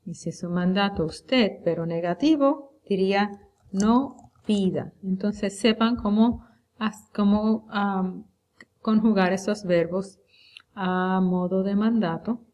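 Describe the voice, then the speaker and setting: A woman teaching Spanish, reviewing a unit for an exam. She speaks slowly and deliberately and draws out the example words. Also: mid-range voice, a little mellow. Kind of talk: recorded lecture review.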